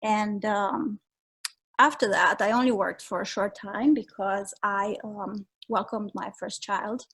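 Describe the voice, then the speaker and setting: A woman in her forties from Romania, speaking as a podcast guest and telling her story in a measured, reflective way with frequent ums. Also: medium pitch, steady tone, a bit bright, slightly rough. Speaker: guest, travel photographer. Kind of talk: casual interview.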